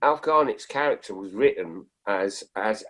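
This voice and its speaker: A man's voice: fairly low pitch, lively intonation, normal speed, fairly bright tone. A man in a casual podcast discussion who speaks with enthusiasm and repeats his points for emphasis.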